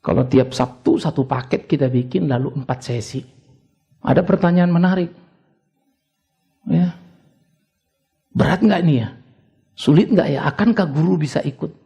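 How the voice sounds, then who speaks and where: A man's voice: fairly high pitch, moderate pace, creaky, pauses often, warm tone. An older man preaching a sermon as pastor, conversational at times and then rising into urgent exhortation. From Indonesia.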